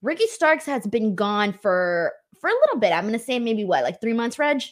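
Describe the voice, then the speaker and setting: A woman's voice: a little high, big pitch swings, moderate pace. A woman hosting a live wrestling stream in a casual, informal way, peppering her talk with "like" and mild swearing.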